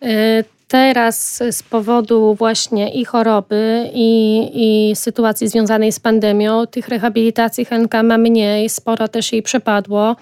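A woman's voice: a little high, level tone, measured pace, hardly any pauses, a little mellow, smooth, no room sound, studio quality. A mother answering interview questions in an earnest, matter-of-fact way. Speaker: mother of a young child.

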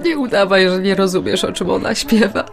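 An actress in a radio play voicing a burned-out, bitter middle-aged teacher who talks in a self-deprecating way. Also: female voice, medium pitch, fairly quick, vocal fry, natural voice. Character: weary disillusioned woman teacher, middle-aged. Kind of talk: radio drama acting.

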